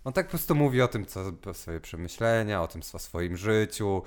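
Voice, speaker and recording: A man's voice: lowish voice, animated, normal speed. A man in casual podcast chat who rambles, loses his thread and mixes in English words.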